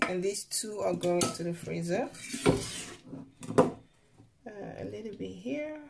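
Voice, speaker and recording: A woman's voice: mid-range voice, creaky, very noisy. A woman chatting casually as she cooks in her home kitchen, talking to the camera while she works at the stove. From Sierra Leone. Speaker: cooking vlogger. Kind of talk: casual cooking narration. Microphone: camera pointed at the stove, speaker off frame.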